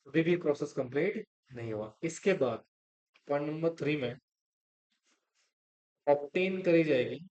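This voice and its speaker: A man's voice: on the high side, darkish tone, muffled recording. A male teacher giving a classroom lecture in Hindi, often asking students questions and repeating the answers himself. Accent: Indian English.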